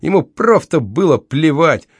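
A man's voice: a little high, very animated, a little slow, husky, no room sound, clean studio sound, pitched above the performer's own voice, heavily acted. A man voicing a young, badly beaten woman who lisps heavily through missing front teeth, bitter and proud. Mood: earnest blunt.

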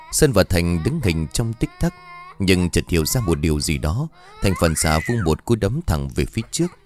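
A man narrating a spooky village story with a steady, suspenseful telling. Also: deep voice. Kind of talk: scripted horror story narration.

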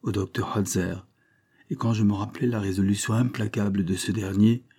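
A man reading a classic literary story aloud in a measured, storytelling manner. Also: fairly low pitch, steady tone, warm tone, husky. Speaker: audiobook reader. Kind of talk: scripted narration of a 19th-century story.

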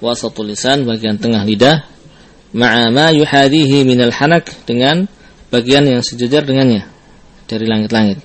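Medium-pitched and moderately paced, a male tajwid teacher works through recitation drills. He explains every sound with Arabic terms mixed in and patiently models the letter sounds again and again.

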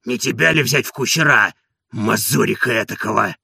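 A man voicing a hoarse, devoted old servant in an audiobook, indignant and boastful. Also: medium pitch, moderate pace, bright, forceful tone, dry recording, clean studio sound, pitched below the performer's own voice, full character voice. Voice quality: gravelly, hoarse.

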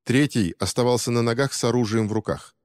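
A man narrating an action thriller audiobook in a steady, dramatic reading. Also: medium pitch, quick pace, no room sound, clean studio sound, big-room sound. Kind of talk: scripted narration.

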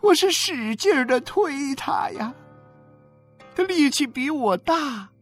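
A woman acting out an ashamed young wife, weeping and pleading as she confesses in an audiobook drama. Her voice sits high and husky, and she speaks slowly. Soft music plays behind her. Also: lively intonation, heavily acted. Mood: tearful confession. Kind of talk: audiobook dialogue performance.

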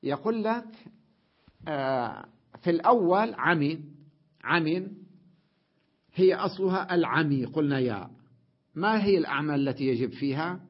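A man teaching an Arabic grammar lesson, repeating words aloud and often pausing to check that students follow. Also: fairly high pitch, lively intonation. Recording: dull lo-fi lecture recording.

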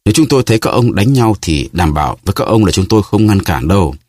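A man's voice: fairly low pitch, big pitch swings, quick pace, darkish tone, no echo, studio quality. A man voicing a grave, proud musketeer who speaks formally in an audiobook. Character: grave wounded male musketeer, proud and calm.

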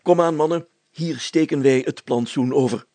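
A man voices a pompous, flustered burgomaster and police chief in a story, using blustering, old-fashioned formal speech in a jovial, commanding mood. His natural voice is pushed up to a fairly high pitch with a dark tone, delivered at a moderate pace in a dry recording.

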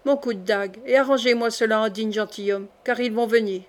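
A woman's voice: fairly high pitch, fairly even intonation, a little fast, close to an everyday voice. A woman reading the lines of a male jailer hurrying the prisoners along in an audiobook. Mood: pressing. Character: hurried male jailer, gruff and pressing.

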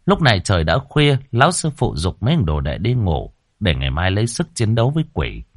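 Casting: male audiobook narrator for horror tales, low and very animated, dry close sound. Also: fairly quick, no room sound. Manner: lively, expressive storytelling. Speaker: storyteller.

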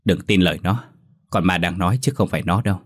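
A man's voice: deep voice, fast talker. A man voicing a spiteful, scheming old village man who barks orders and gloats. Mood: commanding.

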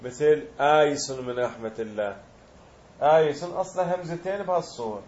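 A man's voice: fairly high pitch, brisk, a little mellow, highs cut off. A man teaching a grammar lesson, explaining step by step and quizzing his students.

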